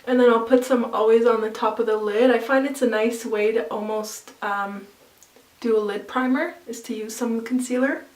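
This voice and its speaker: A woman's voice: fairly high pitch, fairly even intonation, moderate pace, echoey room, recorded from a distance. A woman talking casually through a makeup tutorial, explaining each step as she applies it, with easy fillers along the way. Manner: chatty, explains while applying, with fillers. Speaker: makeup vlogger.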